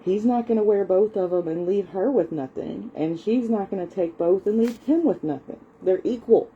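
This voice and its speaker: At home with a cat nearby, a Southern woman in her late forties or older, a history hobbyist host, shows viewers a book page and walks them through its pictures. Her casual, rambling talk is full of fillers and apologies, in a mid-range voice at normal speed. The audio is narrow and tinny, with a little hiss or hum.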